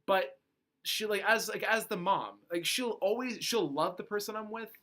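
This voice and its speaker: A man's voice: sits high, moderate pace, bright, forceful tone. A young man co-hosting a casual podcast, rambling with lots of "like" and self-corrections. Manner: rambling, full of "like" and restarts. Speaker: podcast co-host. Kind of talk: casual chat.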